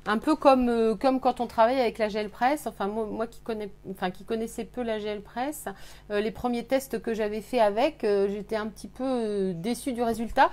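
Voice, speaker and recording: Woman host of a live craft workshop, slightly high voice, halting and filler-heavy delivery. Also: steady tone, darkish tone. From France. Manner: hesitant, many fillers. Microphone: webcam on a live stream.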